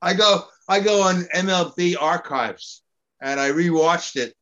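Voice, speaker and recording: A man chatting casually, rambling and halting as he tells a story. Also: high-pitched, pushed and bright, highs cut off. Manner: rambling, halting with fillers and repeats. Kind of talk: casual chat.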